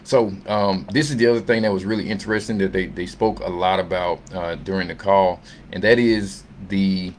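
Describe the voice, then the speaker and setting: This low-voiced man talks through an investment earnings summary over slides in an unscripted, informal way. His intonation stays fairly even, his speech is conversational and halting with agreement-seeking tag questions, and background noise is noticeable.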